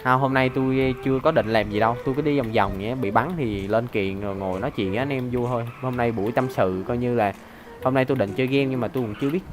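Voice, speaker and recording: A man's voice: mid-range voice, fast talker. Male streamer, rambly and foul-mouthed, faint music under him. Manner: rambling, profane, bursts into loud mocking taunts. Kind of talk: casual chat while playing a role-play game.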